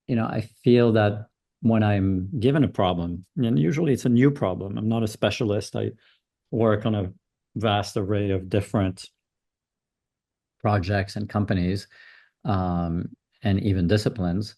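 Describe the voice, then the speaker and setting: A man's voice: lowish voice, a little slow, vocal fry, warm tone. A man in his fifties, a designer being interviewed, answering thoughtfully with many ums and restarts. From Switzerland. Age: 50s. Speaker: guest designer.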